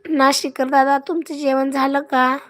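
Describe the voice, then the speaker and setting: A woman with a Marathi accent, hoarse from a cough, hosting a casual live stream and greeting and thanking her viewers by name. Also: high voice, little pitch movement, a little slow.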